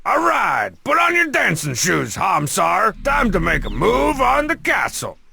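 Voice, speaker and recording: A man's voice: high-pitched, wildly swooping pitch, a little slow, creaky, pushed and bright, slight background noise, exaggerated voice. A man voicing a bossy, sarcastic would-be dictator in a cartoon game, pompous and mocking. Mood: impatient.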